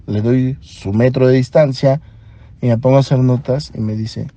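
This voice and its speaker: A man with a Mexican accent, a podcast host and doctor, telling a story in an animated way and acting out the dialogue. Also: medium pitch, normal speed, no echo, muffled recording. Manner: animated, acts out dialogue in other voices. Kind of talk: storytelling monologue.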